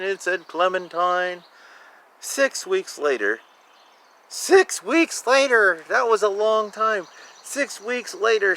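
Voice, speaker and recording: Reading a children's storybook, this man has a bright, slightly high voice. His animated, informal read-aloud draws out words and pauses for offhand comments on the illustrations.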